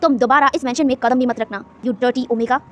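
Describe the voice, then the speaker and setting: A woman voicing an arrogant, cruel rich woman who shouts insults, in a storybook reading. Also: high voice, fairly even intonation, fairly quick. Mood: contemptuous.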